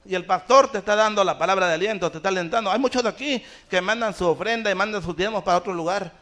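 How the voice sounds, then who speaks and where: A man's voice: high-pitched, fast, a bit bright. A man. He throws rhetorical questions at the congregation and stacks repeated phrases. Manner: preaching with rising intensity, rhetorical questions to the congregation. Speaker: pastor. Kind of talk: sermon. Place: church.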